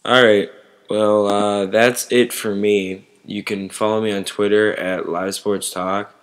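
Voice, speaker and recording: A man giving casual, unscripted sports commentary to online viewers in a halting way, searching for words. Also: lowish voice, flat delivery.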